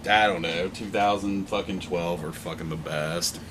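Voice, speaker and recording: A man's voice: sits low, steady tone, normal speed, fairly bright tone, slight background noise. A middle-aged man co-hosting a podcast, in casual chat, reminiscing with lots of laughter and swearing. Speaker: podcast co-host.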